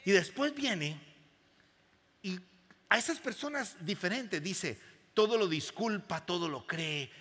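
A man's voice: high voice, expressive, slow pace, pauses often, fairly bright tone. A man preaching a sermon to a congregation, emphatic and full of questions to the crowd. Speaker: pastor. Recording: long hall reverb.

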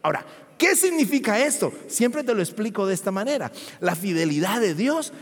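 A male pastor preaching emphatically, asking rhetorical questions and rising to loud peaks. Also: sits high, sing-song, brisk. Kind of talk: sermon. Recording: long hall reverb.

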